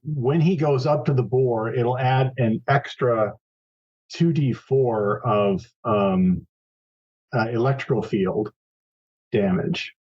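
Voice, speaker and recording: A man playing a tabletop game, talking eagerly and thinking aloud. His voice is husky, and the recording is dull and lo-fi. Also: medium pitch. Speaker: player. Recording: dull lo-fi sound.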